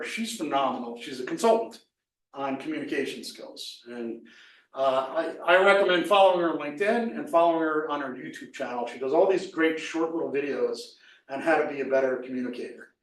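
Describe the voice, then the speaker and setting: A man's voice: fairly high pitch, animated, fairly quick, fairly bright tone. A man with a somewhat raised voice runs a presentation skills workshop in a loose, chatty way. He is picked up from a distance in an echoey room. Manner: chatty, loose, many fillers and restarts. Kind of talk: casual live workshop talk.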